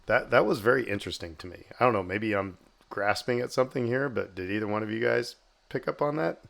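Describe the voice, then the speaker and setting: A man with a low, gravelly voice trades theories as a podcast co-host. He talks in quick, animated bursts and keeps circling back to his point. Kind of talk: casual chat.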